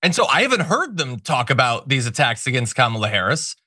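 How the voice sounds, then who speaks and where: Animated, bright-voiced man giving indignant political commentary. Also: mid-range voice, a little fast, dry recording, studio quality. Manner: indignant, sarcastic, emphatic. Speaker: political talk show host. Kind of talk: opinionated news commentary.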